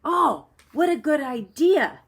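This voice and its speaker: Storybook toad, played by a woman: male, earnest and emotional, raised pitch, exclaiming to his friend. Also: animated, slow pace. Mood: delighted. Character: Toad, sad then excitable male toad friend. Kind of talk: children's storybook read-aloud.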